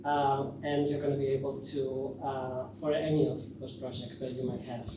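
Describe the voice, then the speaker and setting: A man from Spain giving a conference talk, pausing often with fillers as he presents. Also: medium pitch, flat delivery. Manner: hesitant, many fillers. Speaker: conference speaker. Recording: echoey hall, distant mic, noisy.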